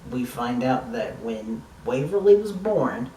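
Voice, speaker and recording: A man talks through a TV episode in a slow, unhurried drawl, with the rambling enthusiasm of a fan who swears now and then. His voice sits a little off from the microphone in a roomy, echoing space, with faint ambient noise behind him. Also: medium pitch, big pitch swings, mellow, distant mic. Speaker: TV episode reviewer. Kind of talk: casual review monologue.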